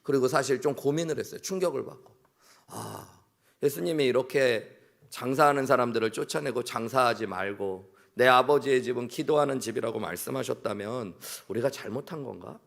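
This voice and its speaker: A middle-aged male pastor preaching a sermon, telling personal stories and rising in pitch when he retells lively scenes. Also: brisk, vocal fry. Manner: storytelling, voice rising in animated retellings. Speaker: senior pastor. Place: church sanctuary.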